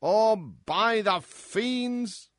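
A man's voice: on the high side, wildly swooping pitch, takes it slowly, a bit bright, no echo, pitched above the performer's own voice, exaggerated voice. A man voicing a cruel, boisterous old king who mocks and bellows at his jester in a storybook reading. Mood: mocking, blustering. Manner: bellowing, mocking, laughs harshly.

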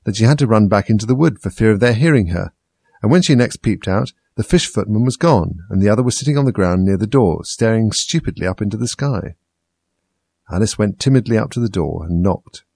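A man reads a children's story aloud in a low, gravelly voice with a husky edge. His intonation rises and falls with lively movement. The sound is close and dry. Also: a little fast, no echo. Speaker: narrator. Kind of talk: audiobook story reading.

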